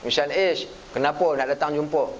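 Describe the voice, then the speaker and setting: A man's voice: on the high side, moderate pace, lightly acted. A man voicing a stern older male Syrian sheikh lecturer who asks brusque, scolding questions. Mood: questioning. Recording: dull lo-fi recording with faint hiss.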